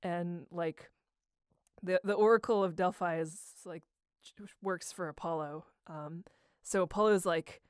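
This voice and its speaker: Her fairly low, smooth voice comes through at a measured pace in echo-free studio quality. Replying to a question, the young amateur voice actor spins rambling, slangy, irreverent stories, acting out the quotes with lively energy.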